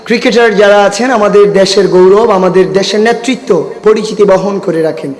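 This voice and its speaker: A preacher man from Sylhet, Bangladesh, leads a big gathering with a high voice that carries a long reverb. He calls for the crowd to shout responses and throws in jokes, his throat a little strained. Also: normal speed. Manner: jokes with the audience. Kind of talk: religious sermon to a crowd. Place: large outdoor gathering.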